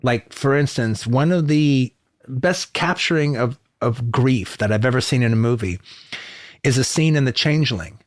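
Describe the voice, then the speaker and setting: A man's voice: mid-range voice, moderate pace, dry recording. A man co-hosting a film podcast, talking in a rambling, emphatic way and dropping into quoted asides. The recording is dry and close, with little room sound. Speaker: podcast co-host. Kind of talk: casual film discussion.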